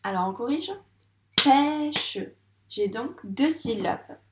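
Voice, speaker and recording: French-accented woman, primary school teacher, patient, careful syllables, slightly gravelly. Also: mid-range voice, unhurried, echoey room, heavy background noise. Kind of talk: slow, clear teaching video for young children.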